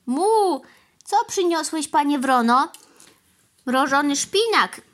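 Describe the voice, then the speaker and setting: A plaintive mother cow from a children's storybook, lowing and pleading as she talks about her injuries, as a woman reads her. Her voice sits very high and thin, well above an ordinary speaking voice. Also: animated, takes it slowly, fairly bright tone, exaggerated voice. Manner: lowing "moo" interjections, plaintive.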